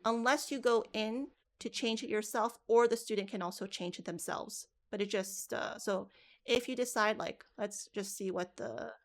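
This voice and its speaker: A woman's voice: mid-range voice, moderate pace. A woman running a live coding workshop for teachers, casual and talking through each step aloud with frequent restarts. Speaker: teacher trainer.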